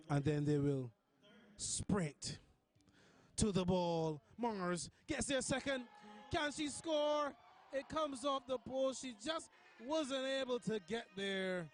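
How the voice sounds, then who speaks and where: A man with a Barbadian accent doing live, chatty commentary on a futsal match, breaking into excited shouts at big chances. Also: a little high.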